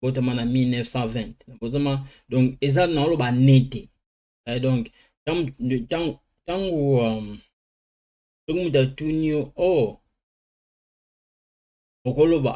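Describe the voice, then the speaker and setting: Man, Lingala speaker, beginner English lesson, slow word drilling, mellow tone. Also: medium pitch. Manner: switches between languages, slow drilling of English words. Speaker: language teacher. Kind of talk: informal vocabulary lesson.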